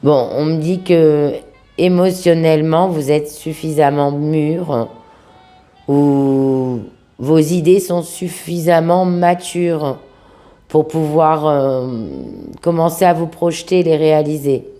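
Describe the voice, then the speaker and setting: A woman with a sick-sounding voice giving an informal tarot reading to viewers, speaking familiarly and affectionately, with halting pauses. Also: sits low, fairly even intonation, warm tone, faint music behind. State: sick-sounding voice, under the weather. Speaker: tarot reader, host of a video channel.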